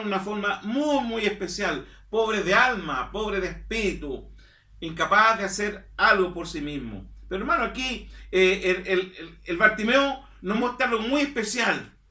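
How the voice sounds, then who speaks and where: Emphatic high-voiced preacher, echoey. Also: male voice, pushed and bright, distant mic. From Chile. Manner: emphatic preaching, repeats phrases, calls listeners "hermano". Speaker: pastor. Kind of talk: sermon. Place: church hall. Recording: echoey room, voice from off-mic.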